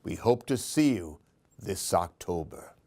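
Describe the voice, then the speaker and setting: Slow and sing-song, a man's voice carries a picture-book story for small children, his pitch lively as it rises and dips. He addresses his young listeners directly. He's a storyteller reading at a library program, and his reading is expressive.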